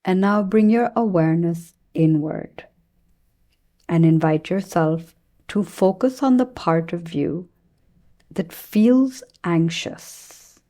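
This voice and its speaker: A meditation teacher with a lowish voice guides listeners gently and soothingly, letting long pauses fall between what she says.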